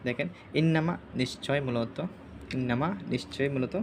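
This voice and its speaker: A man's voice: medium pitch, moderate pace, background noise. Man drilling words over and over. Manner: repetitive drilling, repeating each word several times. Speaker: Arabic teacher. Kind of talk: screen-share vocabulary lesson.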